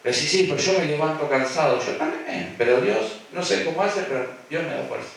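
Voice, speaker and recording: This pastor's slightly high, fairly bright voice has lively intonation, some vocal fry, and a slightly fast pace. Speaking with an Argentine Spanish accent, he delivers a sermon with acted-out voices and phrases repeated for emphasis, recorded from a distant mic in an echoey church hall.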